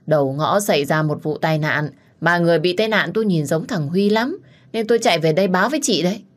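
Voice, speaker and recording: A woman voicing a flustered neighbor rushing in with alarming news. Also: fairly low pitch, lively intonation, natural voice. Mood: urgent. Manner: urgent, breathless.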